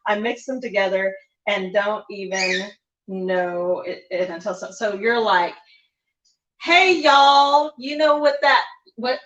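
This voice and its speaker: A woman with a medium-pitched, slightly bright voice co-hosts a casual home livestream at a slow pace, laughing often as she reads viewer comments aloud. The room sounds echoey and the audio is slightly dull.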